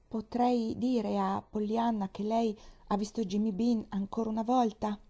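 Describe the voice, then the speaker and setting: An anxious, tender-hearted young maid from a storybook, earnest and apologetic, always sounding near tears, as a woman reader puts her on. The voice is mellow and soft. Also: medium pitch, moderate pace, highs cut off, close to an everyday voice. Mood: distressed.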